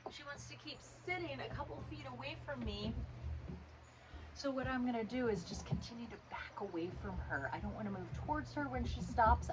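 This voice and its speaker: A woman working as a dog trainer, explaining a puppy exercise in an informal instructional demonstration. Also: on the high side. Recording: distant mic, clear background noise.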